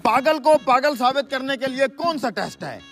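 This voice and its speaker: A man acting in a comedy sketch, naive and excitable, with theatrical asides to the audience. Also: extremely high pitch, normal speed, gravelly, faint music behind. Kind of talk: comic sketch dialogue.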